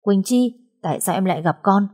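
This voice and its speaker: A woman voicing a firm but tender young father in an audiobook, speaking with calm, quiet insistence. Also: mid-range voice, brisk, natural voice. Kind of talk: audiobook dialogue.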